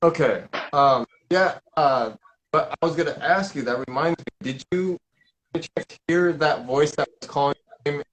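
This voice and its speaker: A man hosting a live question-and-answer stream, talking loosely in a rambling, halting way with many fillers and restarts. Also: a little high, poor audio. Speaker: paranormal investigator hosting a live Q&A. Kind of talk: casual live-stream chat.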